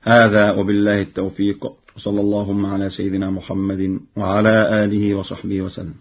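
A man teaching variant readings of the Quran, explaining slowly and chanting the verses he quotes. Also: fairly low pitch, monotone, husky, muffled recording. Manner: slow, measured, chants quotations.

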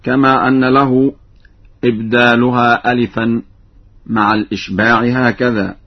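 Man teaching quran recitation rules slow and careful, middle pitch, dull old radio sound. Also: little pitch movement. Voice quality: slow, drawn-out chanting of the quoted verses. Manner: measured, didactic. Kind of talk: explaining recitation variants with chanted examples.

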